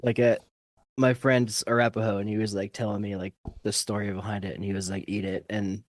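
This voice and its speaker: Laid-back low-voiced man chatting. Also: level tone, fairly quick, no echo, studio quality. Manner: rambling, self-deprecating, trailing off. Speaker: podcast guest. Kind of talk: casual chat.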